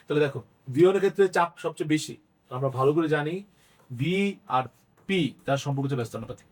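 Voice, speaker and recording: A man teaching chemistry in a Bangladeshi Bengali accent, asking the class questions and answering them himself. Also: on the high side. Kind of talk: classroom lecture.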